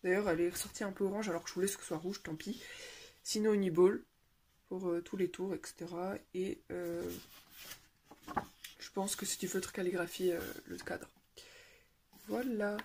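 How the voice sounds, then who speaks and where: A woman's voice: lowish voice, steady tone, moderate pace. Young woman, casual vlog chat, hesitant and chatty, faint noise behind. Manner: chatty, many fillers and restarts. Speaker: coloring vlogger. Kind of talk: casual show-and-tell chat. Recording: faint background noise and clicks.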